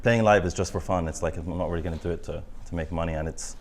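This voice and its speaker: A shy man, a poker player, telling the host about his game and a hand in a measured way. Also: deep voice, fairly even intonation, a little hiss or hum. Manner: shy, measured, explains at length. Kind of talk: casual interview.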